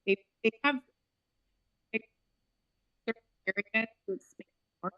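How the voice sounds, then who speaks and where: A woman's voice: fairly high pitch, unhurried, highs cut off. A woman community organizer explaining things earnestly as a podcast guest over a remote video call, her audio choppy and breaking up. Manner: earnest, steady, with frequent ums.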